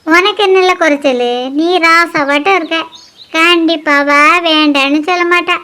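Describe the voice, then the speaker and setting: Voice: extremely high pitch, measured pace, sharp tone, full character voice. Someone voicing a bossy nosy village granny. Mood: prying. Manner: scolding, prying, lecturing. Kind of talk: cartoon voice acting.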